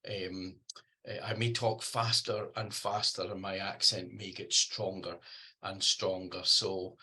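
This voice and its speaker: A man with a Scottish accent presents to an online audience, his voice sitting low with a husky edge yet sounding bright and forward. He talks in a friendly, halting way, with frequent ums and restarts. The sound has a video-call feel. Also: level tone. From Scotland. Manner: hesitant, many ums and restarts. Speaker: guest speaker.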